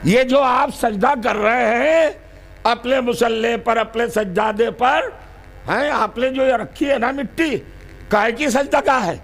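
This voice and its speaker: A man's voice: very high voice, vocal fry, a bit bright. A man preaching a sermon as a cleric, putting rhetorical questions to his listeners and often raising his voice in declamation. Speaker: Shia cleric giving a majlis.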